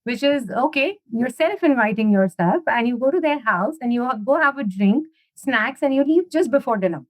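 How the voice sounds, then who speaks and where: An Indian woman with a slightly high voice, recorded close and dry, talks at length as a guest in a casual interview. She's expressive and speaks at a normal speed, weaving "you know" and "right?" through her long stories.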